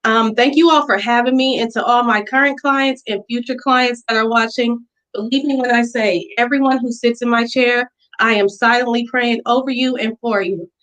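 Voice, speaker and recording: A woman gives an earnest, heartfelt pitch for her salon business. Her voice sits a little high, and she speaks with sincere feeling. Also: steady tone, moderate pace, fairly bright tone, poor audio. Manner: earnest and emotional, fighting back tears at times. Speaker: business pitch contestant, hair stylist. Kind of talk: virtual business pitch presentation.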